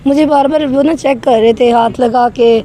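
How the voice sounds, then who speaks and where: A woman's voice: high voice, steady tone, dark tone, slight background noise. A woman recounting a frightening personal experience in an interview, her voice trembling and shaken as she tells it earnestly. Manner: emotional, earnest storytelling.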